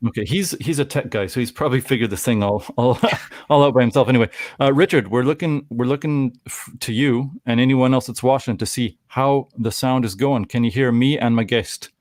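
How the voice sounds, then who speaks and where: A man's voice: medium pitch, fairly quick, darkish tone, no echo, studio quality. Rambling jokey Canadian man in his forties. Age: 40s. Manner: rambling, self-interrupting, jokey. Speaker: live stream host. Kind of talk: casual live stream chat.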